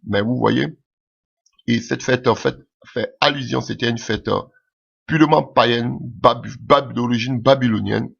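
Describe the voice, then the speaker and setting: A man from Ivory Coast preaching a sermon, with halting, repeated phrases and hallelujah said between lines. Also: medium pitch, fairly even intonation, vocal fry, husky. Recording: dull lo-fi recording.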